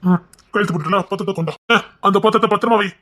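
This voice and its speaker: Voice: medium pitch, very fast, a bit bright, slight background noise, close to an everyday voice. Someone voicing a blunt village elder brother with a Tirunelveli accent. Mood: commanding. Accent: Tirunelveli Tamil. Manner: blunt, commanding. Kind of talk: cartoon voice acting.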